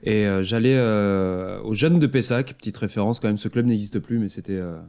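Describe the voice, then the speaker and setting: A man's voice: fairly low pitch, moderate pace, warm tone. A young man of Portuguese descent, chatting casually with friends on a football podcast and cracking teasing jokes. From Portuguese family background, raised in France. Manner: joking, teasing asides. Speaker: podcast co-host. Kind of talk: casual chat.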